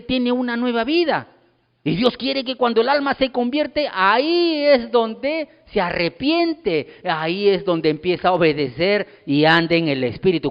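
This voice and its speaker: A pastor preaching a sermon, emphatic and repetitive, firing rhetorical questions at the congregation. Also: male voice, high-pitched. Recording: dull lo-fi sound with long hall reverb.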